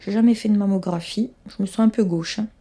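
A fast-talking young woman with a warm, slightly rough mid-range voice and fairly even intonation shares her own story. Conversational and fond of "hein", she addresses listeners directly, and the recording is dry.

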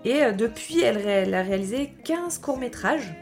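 A woman's voice: on the high side, lively intonation, brisk, a little mellow, soft background music. A young woman chatting casually as a podcast co-host, laughing easily and using many fillers. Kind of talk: casual chat.

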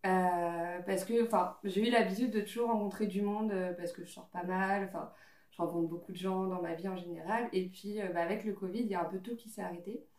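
Sitting around a coffee table in a living room, a podcast guest in her twenties chats casually with friends, telling stories full of laughter and fillers. Her mid-range voice is brisk and a little mellow, with fairly even intonation. A distant mic gives the recording a roomy sound.

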